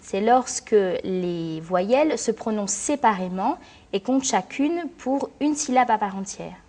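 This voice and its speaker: A woman teacher narrating a scripted lesson in a clear, measured, explanatory way. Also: mid-range voice, expressive, dark tone. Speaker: French teacher.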